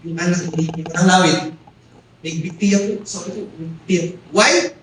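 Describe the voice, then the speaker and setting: A middle-aged Filipino pastor from the Philippines preaches a Taglish sermon in a church hall, often asking the congregation "amen?" His voice is high-pitched and measured in pace. The mic is far off in an echoey hall, with slight background noise.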